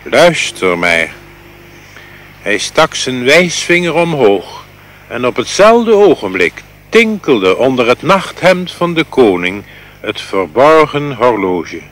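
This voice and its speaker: A man reading a fairy tale aloud in a slow, expressive storytelling manner. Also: medium pitch. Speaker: reader.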